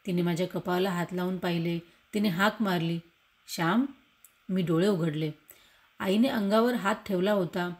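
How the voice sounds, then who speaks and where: A woman reading a classic story aloud in a calm, steady narrating voice. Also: lowish voice, moderate pace. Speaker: audiobook reader.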